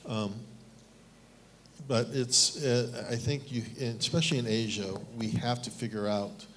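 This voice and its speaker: A man's voice: medium pitch, steady tone, unhurried, a little hiss or hum. Candid middle-aged man from Taiwan. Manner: candid, self-deprecating, many restarts. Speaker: panelist. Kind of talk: fireside chat on stage.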